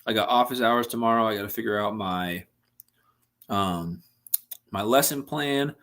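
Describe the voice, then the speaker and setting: A young man runs a relaxed fishing stream, talking with his audience and responding to their messages at a moderate pace. His voice is fairly low with a fairly bright tone, a touch worn from talking.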